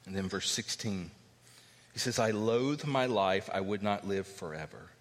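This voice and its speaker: A man preaching a sermon, reading scripture aloud and explaining it, his voice lifting for emphasis. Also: unhurried. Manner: expository preaching, reads scripture aloud, rises in pitch for emphasis. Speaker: pastor. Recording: long hall reverb.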